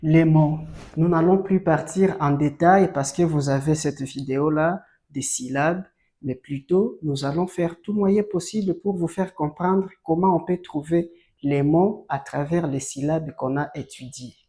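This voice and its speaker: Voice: mid-range voice, unhurried, warm tone. A French teacher giving a lesson on reading syllables, sounding them out one by one, asking learners questions and having them repeat. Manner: drills syllables and has listeners repeat; asks learners frequent questions.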